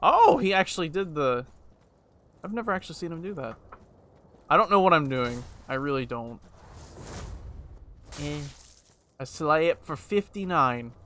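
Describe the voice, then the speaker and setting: A young man streaming a video game, muttering sarcastic commentary, swearing and yelling at enemies. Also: on the high side, lively intonation, moderate pace, long pauses, a little hiss or hum. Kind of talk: casual gameplay commentary.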